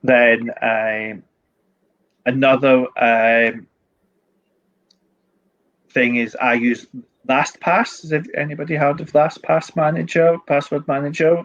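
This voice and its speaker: A man with a strong Scottish accent speaks at a medium pitch, explaining things in an informal, matter-of-fact way with dry wit. The sound is slightly dull, like a video call. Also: level tone, slow, pauses often, a bit bright. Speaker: IT support director, guest. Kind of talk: informal explanatory talk with tips.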